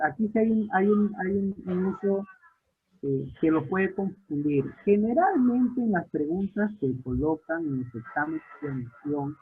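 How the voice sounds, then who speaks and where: A man's voice: high-pitched, breathy edge. A male literature teacher, lecturing an online class, questioning students and repeating key points. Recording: tinny phone-like audio line.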